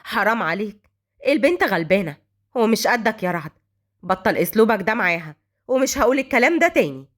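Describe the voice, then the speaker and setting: A woman's voice: medium pitch, very animated, fast talker. A woman doing a worried, scolding Egyptian mother. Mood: pleading. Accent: Egyptian Arabic. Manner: pleading and scolding.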